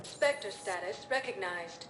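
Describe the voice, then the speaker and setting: Calm computer announcer, even polite delivery, echoey noisy game audio. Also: female voice, medium pitch, slow pace. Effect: automated announcement system voice. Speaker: elevator announcement system. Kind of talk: sci-fi game dialogue.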